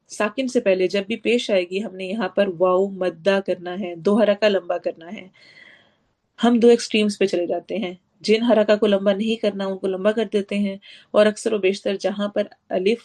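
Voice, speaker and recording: A woman's voice: mid-range voice, fairly even intonation, darkish tone. Woman teaching Quran recitation rules. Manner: drawn-out demonstrations of Arabic words between brisk explanations; patient, instructive, asks and answers her own questions. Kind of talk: tajweed lesson explaining recitation rules.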